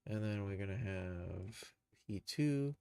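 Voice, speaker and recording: During a relaxed live screen-share tutorial, a streamer, game developer and animator thinks out loud in an informal way while working. His voice is fairly low, smooth and darkish, he speaks slowly, and the recording is dry.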